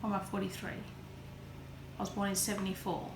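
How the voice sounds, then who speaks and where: In her personal vlog, an early-forties woman talks in a chatty, candid, self-deprecating way, her mid-range voice flat in delivery at a moderate pace. Faint background noise and a roomy echo come through.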